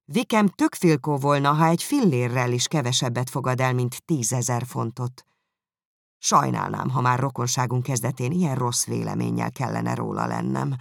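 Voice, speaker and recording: A man voicing a weary, dry-humoured older father in an audiobook, in his own low voice. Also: creaky, no echo, close to an everyday voice. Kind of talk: audiobook character reading.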